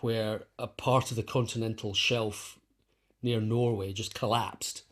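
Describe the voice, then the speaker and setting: In a lowish, level voice and at a measured pace, a composer and conductor being interviewed describes his work. He's conversational and casual, thinking aloud and circling back to repeat phrases.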